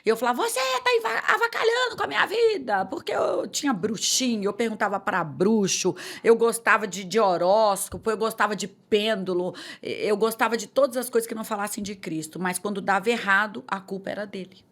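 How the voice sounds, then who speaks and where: A woman's voice: medium pitch, a little fast, few pauses. A woman pastor telling her personal testimony in conversation, emotional and acting out the voices she quotes. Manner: emotional storyteller who acts out quoted voices.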